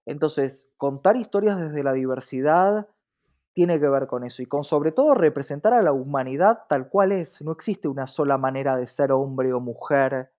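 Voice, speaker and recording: A male diversity specialist, interviewed as a guest, speaks with a Rioplatense Argentine Spanish accent in a medium-pitched, expressive, slightly mellow voice at normal speed. He explains things reflectively, with earnest repetition and rhetorical questions. The recording sounds slightly dull and lo-fi.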